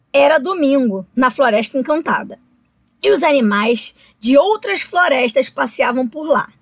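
A woman reading a children's story aloud, slow and expressive, speaking to children. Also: high voice, no room sound.

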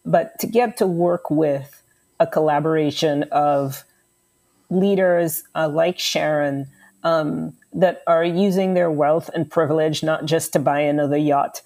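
A woman from Trinidad and Tobago speaks as a podcast guest. Her voice is on the low side, and she talks earnestly, with frequent ums and uhs as she finds her words. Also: fairly even intonation, measured pace, a little mellow. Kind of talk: podcast interview answer.

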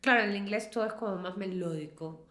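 A woman's voice: medium pitch, quick pace, pushed and bright. A woman in her thirties, a singer-songwriter talking casually in an interview, chatty and often trailing off to restart. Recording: roomy echo.

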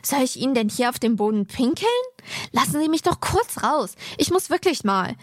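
Frau liest teenager, flehend, drängend, etwas höher gesprochen. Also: female voice, sits high, expressive, moderate pace, no room sound, studio quality. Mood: pleading. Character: teenage boy, held captive, pleading.

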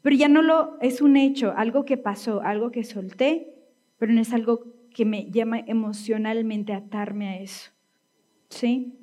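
A woman pastor delivers a sermon in a relaxed, conversational way, constantly checking in with her listeners through quick tag questions. Her voice sits a little high for a woman.

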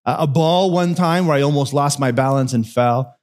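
High-voiced pastor, chatty sermon. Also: male voice, normal speed, a little mellow. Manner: conversational storytelling, joking asides.

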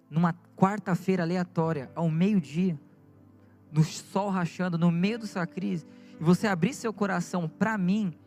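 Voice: medium pitch, mellow. A preacher with a Brazilian Portuguese accent, retelling a Bible story in vivid everyday speech before building to fervent exhortation in a sermon.

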